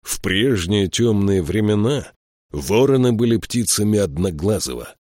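A man reading the lines of a gruff, suspicious soldier in an audiobook. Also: on the low side, lively intonation, unhurried, a little mellow, dry recording, clean studio sound.

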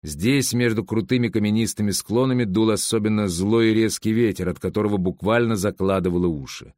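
A man narrating an adventure audiobook in a steady, even storytelling manner. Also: on the low side, a little fast, no echo.

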